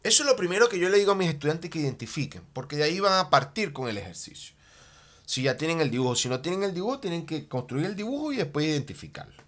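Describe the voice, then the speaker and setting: A man teaching a math lesson at a board, animated, often checking in with a quick "ok?" and slowing down on key terms as he writes. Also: a little high. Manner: slows down and stretches key terms while writing.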